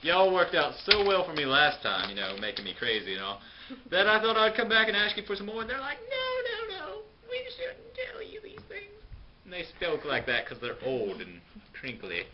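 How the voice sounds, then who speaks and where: A man's voice: fairly high pitch, wildly swooping pitch, a little fast. A young man telling a silly school skit story in a goofy, sarcastic, slangy way. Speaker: narrator of a student skit. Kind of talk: comic retelling with put-on voices. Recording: dull lo-fi home video, faint noise.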